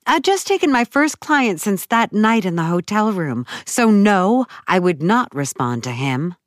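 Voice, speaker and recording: A woman narrating a first-person audiobook story in a measured, dramatic way. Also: medium pitch, very animated, no echo, clean studio sound.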